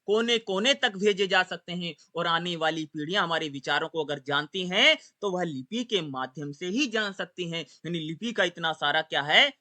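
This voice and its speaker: A man with a high, very bright, ringing voice gives a classroom-style lecture. He keeps asking a question and answering it himself, circling back over each point with checks like "okay". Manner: repetitive, asks rhetorical questions then answers them. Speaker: teacher. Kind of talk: explanatory Hindi lecture.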